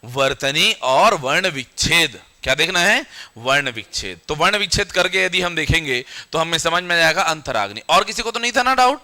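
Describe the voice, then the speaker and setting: A young adult man leads a grammar lesson in a classroom. His voice sits high and sounds very bright and sharp. He fires questions at the students and answers them himself, and he slows down to dictate rules. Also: sing-song. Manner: quizzing students with call-and-response questions. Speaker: teacher.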